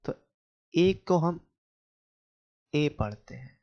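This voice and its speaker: A man with an Indian accent teaching children letter sounds in a slow phonics lesson, explaining patiently and checking whether they understood. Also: on the high side, animated. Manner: explains patiently, asks questions back to kids. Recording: dull lo-fi home recording.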